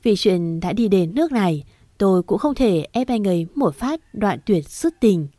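Woman calmly reading a romance story. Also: medium pitch, moderate pace, no room sound. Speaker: audiobook narrator. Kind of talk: first-person romance novel reading.

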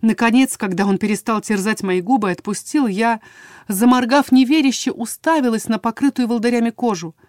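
A woman narrating a first-person fantasy audiobook in a dramatic, expressive reading, close on the mic. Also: on the high side, brisk, no echo.

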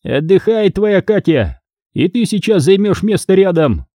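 A man's voice: high-pitched, sing-song, a little slow, dark tone, no room sound, clean studio sound, pitched above the performer's own voice, full character voice. A man voicing an impatient, vicious male thug who threatens a victim. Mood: menacing. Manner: threatening, harsh.

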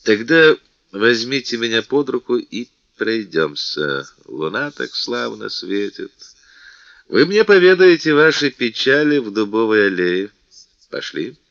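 A man's voice: mid-range voice, very animated, unhurried, gravelly, fairly bright tone, no room sound, dull audio, exaggerated voice. D'Artagnan, a hearty musketeer captain, read by a man. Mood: teasing. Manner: hearty, persuasive, teasing. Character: bold, jovial middle-aged musketeer captain.

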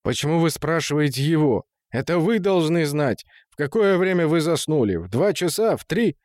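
A man's voice: on the high side, expressive, moderate pace, a little mellow, dry recording, studio quality, pitched above the performer's own voice, close to an everyday voice. A man reading an audiobook, voicing a flustered male night watchman who pleads and grovels. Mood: frantic pleading. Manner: imploring, flustered.

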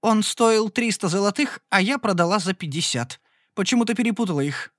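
A woman's voice: medium pitch, expressive, brisk, no echo, clean studio sound, pitched above the performer's own voice, natural voice. A man voicing a clumsy, anxious young shop girl who pleads and sobs in an audiobook. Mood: flustered. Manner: pleading, breathless.

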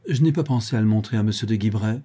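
A man voicing a young marquise in love, soft and restrained, in a read novella. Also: on the low side, fast talker, lightly acted. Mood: tender.

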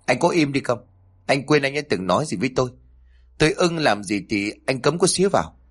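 A man's voice: medium pitch, animated, a little fast, husky, voice pushed up. A man reading aloud, voicing a rude young daughter-in-law in a family storybook tale who talks curtly and snaps. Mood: snappy. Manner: curt, snappy.

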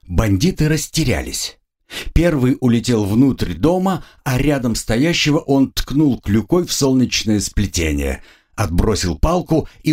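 A man's voice: mid-range voice, darkish tone. A man narrating a war adventure novel as an audiobook, in a grave storytelling manner. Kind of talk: scripted narration.

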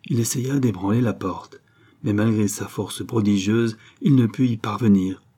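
A man narrating a historical novel in an audiobook reading, in a measured, dramatic way. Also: on the low side, mellow, husky.

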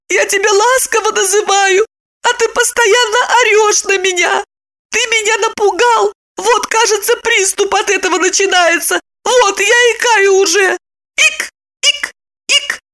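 A woman voicing a theatrical, cunning young wife with a high, whiny, melodramatic voice. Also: expressive, moderate pace, fairly bright tone. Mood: tearful pleading.

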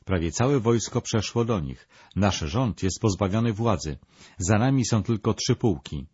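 A desperate chancellor urgently imploring his sovereign, as read by a documentary narrator. The voice is low and husky. The recording is dull and lo-fi. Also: expressive, measured pace, a little mellow, no echo. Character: desperate, pleading male chancellor.

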